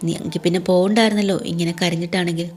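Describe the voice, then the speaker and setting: A woman voicing a grieving older father who pleads gently with his daughter in a retold TV serial story. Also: on the low side, fairly even intonation, very fast, breathy edge. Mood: pleading.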